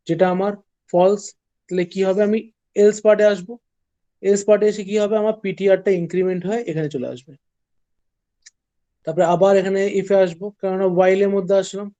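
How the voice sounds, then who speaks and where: A man teaches a class in a warm, unhurried voice. He traces an algorithm one step at a time. He pauses often to ask whether his students have followed. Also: high voice. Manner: steps slowly through an algorithm, checking that students follow. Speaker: lecturer. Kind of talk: classroom lecture.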